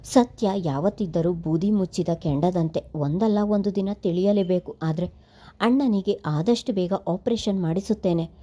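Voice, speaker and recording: Devoted younger son, earnest and gentle, as a woman reads him; soft, mellow voice. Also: lowish voice, normal speed, lightly acted. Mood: reassuring. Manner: gentle, reassuring. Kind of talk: storybook reading.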